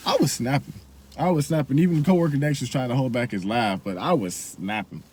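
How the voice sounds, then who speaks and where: A man's voice: medium pitch, fairly quick, a little mellow, slightly rough. A young man casually recounting a story about an old job, blunt and profane. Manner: blunt, profane, laid-back retelling. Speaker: storyteller vlogger.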